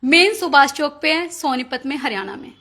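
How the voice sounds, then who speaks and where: A young woman with a Haryanvi accent, a visa consultant pitching her services confidently in an interview. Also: animated, normal speed, pushed and bright. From Haryana, India. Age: young adult. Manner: assertive, confident sales pitch.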